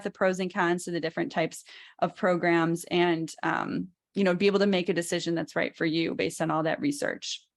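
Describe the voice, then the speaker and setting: Host type: Chicago woman in her thirties, a bit low-pitched, explains casually with lots of ums and restarts. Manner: chatty, many fillers and restarts. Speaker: host, dietitian educator. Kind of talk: casual informational talk.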